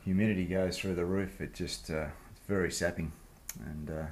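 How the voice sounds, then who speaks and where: A man with an Australian accent talks in a low-pitched voice from his workshop. He explains the hands-on job casually, in an informal, blokey manner, as the host of a machining vlog. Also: steady tone, moderate pace. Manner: laid-back, blokey, informal. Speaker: host of a machining project video series. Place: home workshop.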